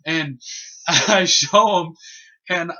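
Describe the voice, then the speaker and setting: A man's voice: fairly high pitch, very slow, pushed and bright. A young man co-hosting a casual, uncensored podcast, telling stories in slang and laughing through them. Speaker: podcast co-host. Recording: dull lo-fi podcast recording.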